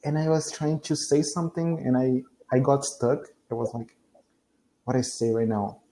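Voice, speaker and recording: With warm, mid-range tones and a moderate pace, a young man studying English holds a casual practice conversation over video; his native language is Portuguese. He often laughs, hesitates and corrects himself. Slight background noise is audible.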